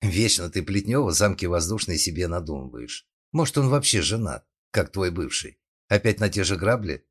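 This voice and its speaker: A man's voice: low voice, animated, normal speed, husky. A man voicing a stern, protective young woman in an audiobook, speaking sarcastically and scolding her friend. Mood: sarcastic.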